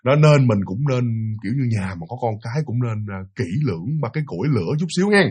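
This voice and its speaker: A man with a Southern Vietnamese accent telling a ghost story in an animated, emphatic way, throwing rhetorical questions at his listeners. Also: medium pitch, fast talker, husky. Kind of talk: spoken ghost story narration.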